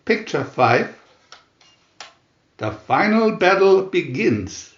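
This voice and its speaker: This narrator, a man voicing View-Master booklet captions, performs the comic book lines in a showy announcer style, pausing at length and moving at a very slow pace. His somewhat high male voice leaps around in pitch. Echo from the room is clear, and the sound quality is lo-fi.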